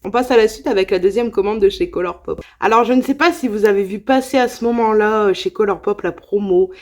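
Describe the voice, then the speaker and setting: A woman's voice: medium pitch, brisk, darkish tone. A young woman chatting casually in a haul video, enthusiastic and full of asides and fillers. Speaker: beauty vlogger.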